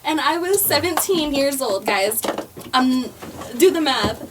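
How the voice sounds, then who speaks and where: A woman in her twenties with a fairly high voice tells her story in an animated, joking way, as a singer guest on a casual podcast. She sits a little away from the mic, with a faint hiss of background noise behind her. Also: measured pace, recorded from a distance. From United States. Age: 20s. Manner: animated storyteller, jokey, talks to viewers.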